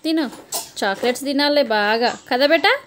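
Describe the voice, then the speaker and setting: A woman with a Telangana Telugu accent coos and teases her small child, her high voice bouncing through sing-song questions. She talks into a phone camera at home, playful and coaxing, with a faint hiss of noise behind her. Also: animated, moderate pace, fairly bright tone. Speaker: mother filming her toddler.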